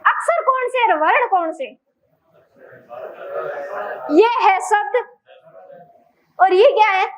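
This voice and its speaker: Rajasthani lady teaching a class, super high voice, keeps firing questions at the students then answers them herself. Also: lively intonation, a little slow, fairly bright tone. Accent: Rajasthani Hindi. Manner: quizzes the class, asking and answering her own questions. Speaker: Hindi teacher. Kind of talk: classroom lecture.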